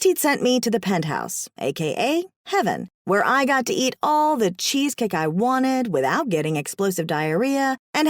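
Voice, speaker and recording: A woman reads a first-person story aloud with sass and wry humor. Her pitch rises and falls in a lively way, and the sound is dry and close. Her voice sits in a middle register. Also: no room sound. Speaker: audiobook narrator. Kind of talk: scripted first-person narration.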